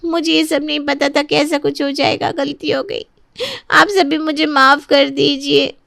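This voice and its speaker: Woman playing a scheming young sister-in-law, nervous, apologetic, highish voice, dry recording. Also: flat delivery, moderate pace, creaky, no room sound.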